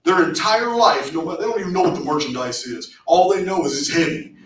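A middle-aged man lectures a small group in a meeting room, his voice a touch high. He talks with animation and keeps restarting phrases. The camera sits far back, so he sounds echoey and distant, with a faint hum. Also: brisk. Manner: animated, repeats words, many restarts. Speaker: presenter at a meetup. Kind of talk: casual lecture to a small audience. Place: meeting room with projector screen.

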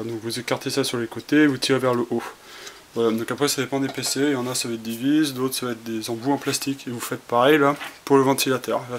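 A man of ordinary pitch walks through a repair in a casual how-to demonstration, his speech full of fillers and restarts as he works with his hands. He is recorded on a camera mic at home, with a faint hiss running underneath. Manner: hesitant, many fillers and restarts while working with his hands. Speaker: tutorial presenter.

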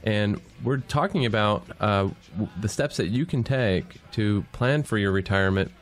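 A man hosting a radio interview, talking in a relaxed way with many fillers. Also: on the low side, normal speed, faint music behind. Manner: relaxed, filler-heavy conversational delivery. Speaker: radio show host.

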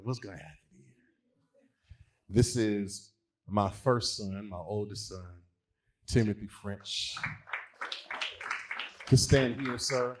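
Low-voiced pastor calling people up. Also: male voice. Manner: warm, encouraging, calls people up. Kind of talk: hosting a church brunch presentation.

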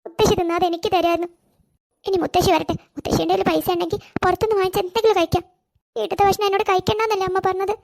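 A woman's voice: steady tone, racing, gravelly, a little mellow. A woman voicing a hungry, sad little girl in a cartoon, speaking in a plaintive, childlike way. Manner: high childlike voice, plaintive and self-pitying. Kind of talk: cartoon voice acting.

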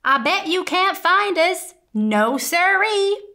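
A cheeky little cowboy toddler shouts in a high, excited voice, as a woman puts him on while reading. His tone is bright and sharp, the storybook voice of an eager child. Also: slow pace, full character voice.

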